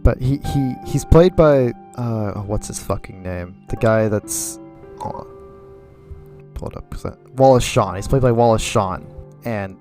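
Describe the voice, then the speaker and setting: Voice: medium pitch, a little slow, dark tone. Chill podcast cohost cracking dry jokes about a movie, swears, mid voice, faint music behind. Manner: laid-back, swears, laughs often, dry jokes. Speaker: podcast co-host. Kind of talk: casual movie recap chat.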